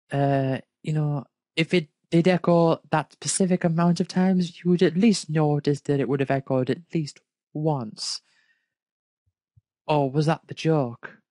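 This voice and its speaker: The voice is medium-pitched and dark, recorded dry. As they read a fan fiction story aloud, they break off to question it and make fun of it on the fly, clearly amused by what they're reading.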